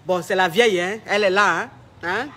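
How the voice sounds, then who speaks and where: Flamboyant high-voiced man. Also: fairly quick, pushed and bright. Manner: flamboyant, mocking and theatrical. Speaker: relationship coach. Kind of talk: live stream chat. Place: at home with family around.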